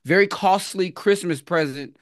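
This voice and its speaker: A man who is an educator co-hosting a casual podcast chat, talking in a relaxed, easygoing way. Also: sits high, moderate pace, dry recording, studio quality. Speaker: educator, co-host.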